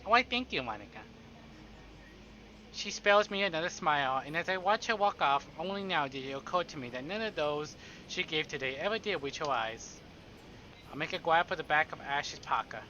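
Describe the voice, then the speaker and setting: A man streams a visual novel in an expressive, fairly high voice that's bright and forceful, moving at a moderate pace. Between stretches of narration read aloud, he jokes with playful sarcasm. The lo-fi stream audio is dull, with game music and slight background noise.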